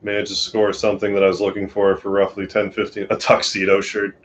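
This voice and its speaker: A man's voice: fairly low pitch, completely flat delivery, quick pace, slight background noise. Sleepy Canadian man streaming. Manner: sleepy, rambling, yawning. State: tired. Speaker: live streamer. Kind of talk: casual live stream chat, reading chat. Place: home bedroom.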